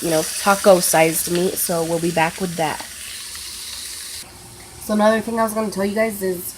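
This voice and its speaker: A woman casually hosting a cooking demonstration, loosely explaining each step as she goes. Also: fairly low pitch. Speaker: cooking video host. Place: kitchen, indoors. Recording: clear kitchen noise, sizzling and pans.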